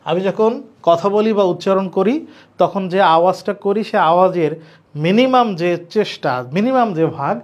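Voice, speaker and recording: A man teaching an online grammar class, explaining slowly, repeating points and asking his students questions. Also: sits high. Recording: dull lo-fi recording.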